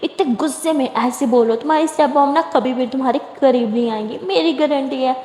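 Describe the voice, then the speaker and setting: Teasing young woman played by a female narrator in a spoken love story, high voice, echoey room. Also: mellow, a little hiss or hum, natural voice. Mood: sassy. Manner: teasing, sassy. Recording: echoey room with long reverb.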